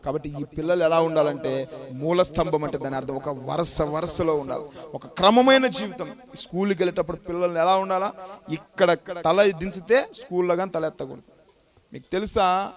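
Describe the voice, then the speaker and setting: A man with a Telugu accent preaching a sermon to youth, firing rhetorical questions and swinging from loud urging to hushed warnings. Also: a little high, brisk.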